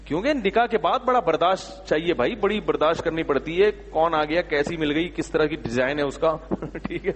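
A man's voice: a little high, few pauses, in a large hall, a little hiss or hum. A man giving religious answers to questions in an emphatic, rhetorical manner, sometimes scolding. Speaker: Islamic scholar answering questions. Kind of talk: religious Q&A talk.

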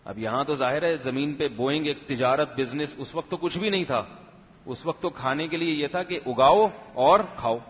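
A man delivering a sermon as a story, chatty and questioning, with a fairly high voice. The recording is dull and muffled, and a long reverb rings around him. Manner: conversational, asks the audience questions. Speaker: preacher. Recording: echoey hall, dull lo-fi sound.

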